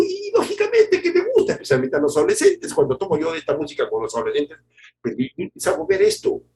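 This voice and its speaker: A man, preaching a sermon in an animated way, repeating words and acting out quotes. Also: fairly high pitch, low-quality recording. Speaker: pastor.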